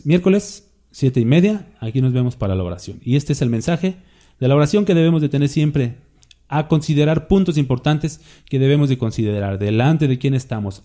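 A man's voice: medium pitch, mellow. A man preaching a sermon as pastor, asking rhetorical questions and closing with a spoken prayer.

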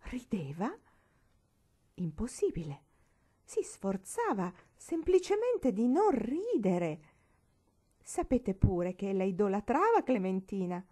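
Expressive woman reading a novel aloud. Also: mid-range voice, slow pace, long pauses, slightly rough. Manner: expressive, with lively character voices. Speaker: audiobook reader. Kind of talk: expressive audiobook narration.

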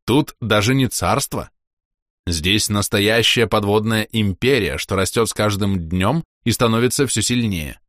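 A man narrating a fantasy audiobook in an expressive, wry storytelling manner. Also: fairly low pitch, measured pace, no echo, clean studio sound. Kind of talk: scripted narration.

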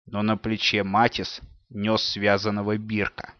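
A man narrating a storybook with expressive storytelling in a dull, dry recording. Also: lowish voice, unhurried, no echo. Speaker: audiobook narrator. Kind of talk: scripted narration.

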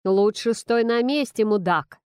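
A woman's voice: mid-range voice, lively intonation, measured pace, no echo, studio quality, natural voice. A woman voicing a frightened but defiant young woman holding a gun, her voice trembling as she threatens. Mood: tense defiant. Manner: shaky, shouting threats.

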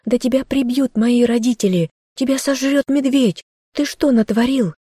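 Female reader doing the captive heroine, young and fiery, high and furious. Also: moderate pace, husky, no room sound, clean studio sound, lightly acted. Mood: defiant. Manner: defiant, shouting.

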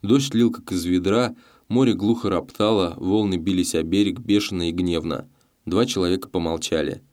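A man reads a literary audiobook in a low voice. His narration is measured and dramatic. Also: darkish tone.

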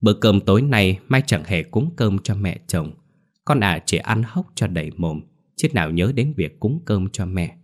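A man reading a scripted ghost story aloud in a very deep, low voice. His delivery is steady and grave, unhurried from line to line. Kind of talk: scripted horror story narration.

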